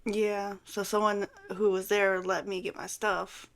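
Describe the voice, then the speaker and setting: A woman's voice: medium pitch, level tone, measured pace. A woman giving rambling, hesitant roleplay testimony, full of fillers and restarts.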